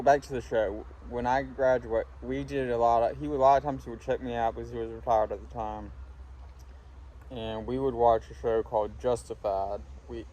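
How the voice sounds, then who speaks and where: A young man from Alabama talking in a casual, halting, reflective ramble while smoking a pipe, often trailing off. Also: mid-range voice, warm tone. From Alabama, United States. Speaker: vlogger talking to viewers. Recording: windy, clear background noise. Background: wind.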